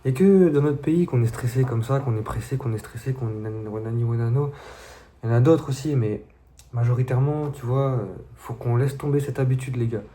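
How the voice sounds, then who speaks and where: Laid-back young man, mellow voice. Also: mid-range voice, a little fast, a little hiss or hum. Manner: slangy, laid-back, addresses viewers as "les gars". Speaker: vlogger. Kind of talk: casual storytelling monologue to viewers.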